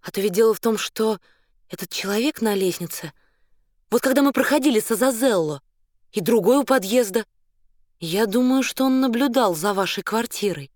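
A man voicing an excitable young woman. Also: high voice, moderate pace, dry recording, studio quality, voice pushed up. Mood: confiding. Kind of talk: audiobook character voice.

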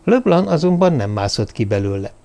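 Man, audiobook narrator, gravelly voice, mid pitch, measured thriller reading. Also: big pitch swings, warm tone.

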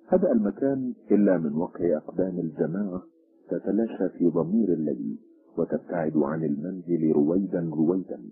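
A man reading a literary story aloud as an expressive audiobook narrator, with a tinny phone-like sound. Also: rumbling low, breathy edge.

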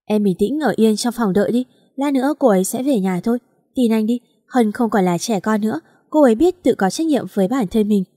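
A woman voicing a young man who speaks in a calm, placating way. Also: on the high side, brisk.

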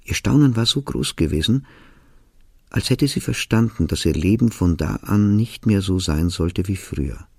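A man narrating a literary audiobook in a studio, reading in a calm, even, reflective way. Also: low-pitched, normal speed, creaky, husky, no room sound. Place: recording studio.

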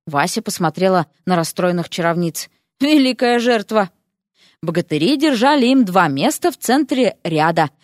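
A woman narrating a storybook in an expressive way. Her pitch moves a lot across each phrase. The recording is close and dry. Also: moderate pace, hardly any pauses, no room sound. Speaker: audiobook narrator.

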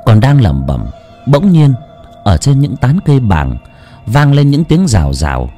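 A man narrating a village ghost story in a hushed, dramatic manner. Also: medium pitch, wildly swooping pitch, a little slow, faint music behind.

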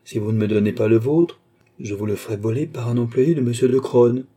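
Marie-Antoinette, a mocking queen, read by a husky man. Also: mid-range voice, steady tone, fairly quick, mellow, natural voice. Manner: teasing, laughing, grand. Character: haughty, mocking adult woman queen.

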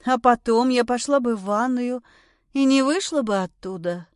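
A woman voicing a weary, cool-headed woman of forty-two who speaks calmly and coldly. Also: a little high, moderate pace, no room sound, studio quality, close to an everyday voice. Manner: calm, weary, cold.

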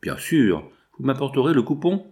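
Un homme lisant à voix haute et prêtant sa voix à une jeune couturière orpheline, douce et triste. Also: male voice, mid-range voice, sing-song, normal speed, dark tone, pitched above the performer's own voice. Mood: doux.

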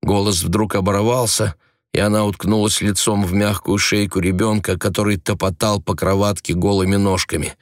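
A man reading a novel aloud as audiobook narrator, measured and even. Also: lowish voice, no echo, studio quality.

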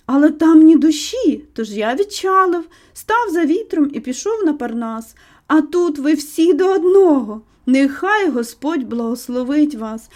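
A woman's voice: high voice, lively intonation, measured pace, a little mellow, pitched above the performer's own voice. A woman reading a cheerful young male sailor greeting his family, in a hearty storybook manner. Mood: jovial.

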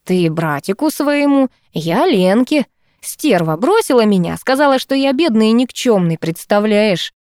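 A woman reading an audiobook, voicing a drunk, pushy young man in a low, coaxing, slurred murmur. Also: animated, unhurried, a little mellow, no echo, studio quality. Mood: drunk leering.

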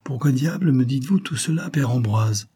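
A man voicing a proud, impulsive young gentleman who speaks quickly and earnestly. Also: medium pitch, slightly rough, voice pushed up, close to an everyday voice.

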